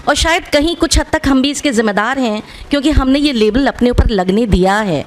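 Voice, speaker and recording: Guest speaker: woman, slightly high pitch, earnest exhorting speech to children and parents in a school auditorium. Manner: earnest and exhorting, often tags "right?" and mixes in English words.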